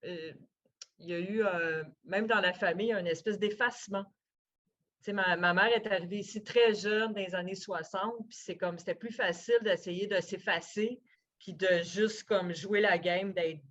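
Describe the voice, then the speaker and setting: A woman's voice: mid-range voice, a bit bright. A woman on an online panel, talking casually and trailing off. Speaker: poet. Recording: dull lo-fi sound.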